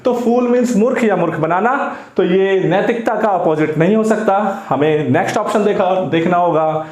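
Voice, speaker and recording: High-voiced man teaching vocabulary in an echoey room. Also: darkish tone. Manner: explains slowly with repetition, mixing Hindi and English. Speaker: English teacher. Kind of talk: exam-prep vocabulary lesson.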